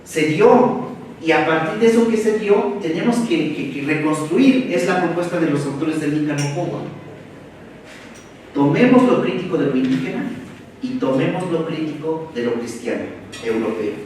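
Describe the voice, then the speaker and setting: A Mexican man lectures a seminar in a big, echoey room, standing well back from the mic. His voice sits a little high for a man. He drives his points with rapid rhetorical questions and slangy asides, over a faint hiss of background noise. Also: lively intonation, a little mellow, recorded from a distance. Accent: Mexican Spanish.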